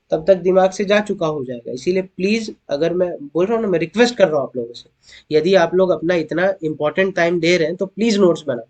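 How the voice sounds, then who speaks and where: A man's voice: on the high side, a little mellow. A man teaching as a young chemistry tutor. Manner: coaxing students with questions, calls them beta; slows down to spell out formulas. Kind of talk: online lecture, explaining at a board.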